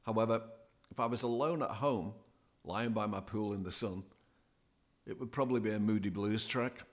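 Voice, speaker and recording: A man speaking as a podcast guest, giving deliberate, emphatic advice as a DJ coach. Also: lowish voice. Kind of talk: measured, scripted-sounding advice.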